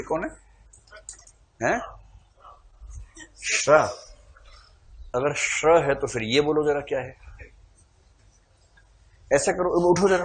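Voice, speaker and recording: A man teaching a classroom lecture, animated, quizzing the class with questions. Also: mid-range voice.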